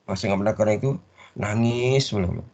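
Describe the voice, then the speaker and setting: A man teaching a religious study class. He pauses mid-word so the audience can finish it. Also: lowish voice, gravelly, darkish tone. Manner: call-and-response, leaves words half-said for the audience to finish. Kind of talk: Islamic study lecture. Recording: dull lo-fi recording.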